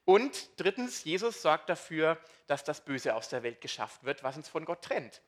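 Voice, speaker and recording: A man preaching a sermon in a lively, conversational way, asking his congregation questions. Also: a little high, moderate pace.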